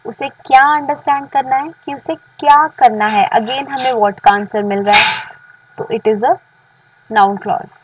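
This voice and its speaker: A woman with an Indian accent teaching English grammar, explaining in Hindi and reading example sentences slowly while asking her students questions. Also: sits high, far from the mic, noisy background. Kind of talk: bilingual classroom-style lesson.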